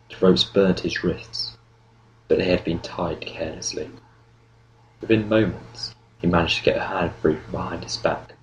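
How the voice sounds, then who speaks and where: A man reading an audiobook novel in steady, measured narration. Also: low voice, slight background noise, low-quality recording. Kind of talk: scripted narration.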